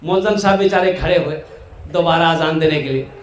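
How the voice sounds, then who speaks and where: A man preaching a humorous sermon in an eastern Hindi dialect, acting out characters and now and then singing verses. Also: fairly high pitch. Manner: sings verses slowly, acts out characters in dialect.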